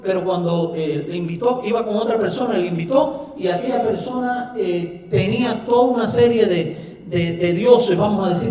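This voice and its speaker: Cuban-accented male preacher, conversational sermon, high-pitched, booming church echo. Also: warm tone. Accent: Cuban Spanish. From Cuba. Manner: conversational, with asides and rhetorical questions. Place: church hall. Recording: echoey hall from far off.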